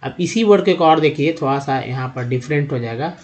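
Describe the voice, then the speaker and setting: Speaking fairly quickly in a higher-pitched, slightly mellow voice with lively intonation, a man gives a spoken lesson at a board on reading English words. He patiently asks and answers his own questions about each vowel sound, addressing viewers as friends.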